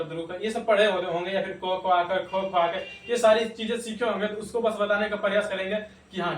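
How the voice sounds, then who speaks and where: A man teaching a grammar lesson step by step, pausing to check with his students and laughing at himself now and then. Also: sits high, fairly bright tone. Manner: explains step by step, repeats "ठीक ना", laughs at himself. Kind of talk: classroom lesson explaining to students. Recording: echoey room, distant mic, faint noise.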